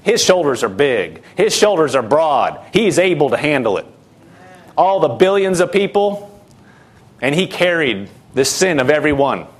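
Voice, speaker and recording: A man's voice: a little high, big pitch swings, moderate pace. A man preaching a sermon, fervent and repetitive, with frequent hallelujahs.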